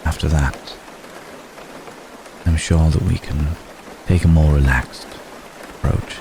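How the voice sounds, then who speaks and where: A man plays an age-old vampire gentleman in an intimate romantic ASMR roleplay, murmuring in an extremely deep, exaggerated voice over steady, clearly audible rain. He speaks flatly and measuredly, with formal phrasing and long, gentle pauses, sounding protective, world-weary, tender and reassuring.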